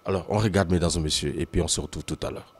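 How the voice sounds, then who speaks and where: A man's voice: low-pitched, fast, heavy background noise. A man hosting a TV interview, formal and full of hesitant fillers, often addressing the audience. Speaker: TV host. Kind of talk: studio interview.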